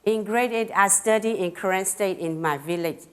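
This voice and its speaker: A middle-aged Karen woman from Burma gives a personal talk, her phrasing simple and halting, broken by pauses and fillers. She sounds a little nervous, and her mid-range voice is smooth.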